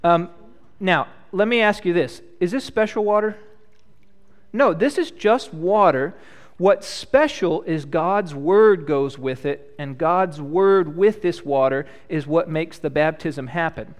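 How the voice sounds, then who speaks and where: In church, a pastor in his thirties leads prayer and gives a children's message, speaking gently and slowly in a fairly high voice. He asks the children simple questions.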